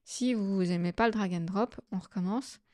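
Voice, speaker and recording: A woman hosting a software tutorial, explaining each step casually with frequent fillers. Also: medium pitch, normal speed, no room sound, studio quality. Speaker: astrophotography tutorial host. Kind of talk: screen-recorded software tutorial.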